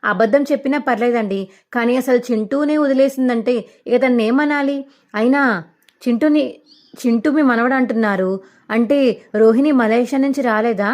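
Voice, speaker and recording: A woman's voice: a little high, normal speed, pauses often, darkish tone, close to an everyday voice. A woman telling a TV serial's story, voicing an outraged young wife who accuses her co-sister of lies. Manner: fiery, accusing.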